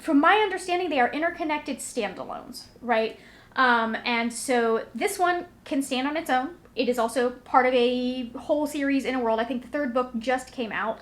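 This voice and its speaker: A high-voiced woman, animated and fairly quick, chats with viewers as a book vlogger. Her casual recap rambles in a conversational, self-deprecating way.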